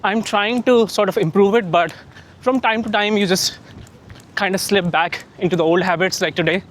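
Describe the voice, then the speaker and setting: Wind picks up in the recording as a man vlogs mid-run outdoors, chatting casually with his viewers. His voice is high and fairly bright, moving at a moderate pace.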